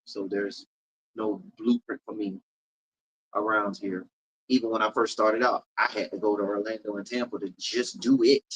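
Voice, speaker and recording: Animated comedian man riffing emphatically. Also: fairly low pitch, moderate pace, husky, low-quality recording. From Polk County, Florida. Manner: animated, emphatic storytelling with repeated riffs. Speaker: comedian and event host. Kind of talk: casual interview talk.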